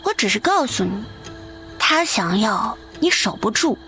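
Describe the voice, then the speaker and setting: An actress voicing a proud, scheming young noble lady with a taunting, needling way of talking in an animated drama. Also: fairly high pitch, a little slow, soft background music, heavily acted.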